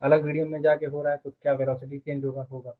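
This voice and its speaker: A man's voice: a little high, flat delivery. Teacher with a phone-like sound, man. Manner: explains step by step, quizzes students with quick questions. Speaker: physics teacher. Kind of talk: live online class.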